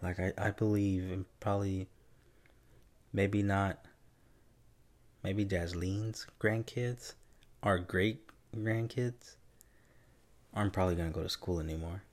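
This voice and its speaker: A man with a very low voice chatting casually as a podcast co-host. He teases and playfully quizzes his partner. His talk is loose and conversational. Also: steady tone, a little slow, pauses often, a little mellow. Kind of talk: casual chat.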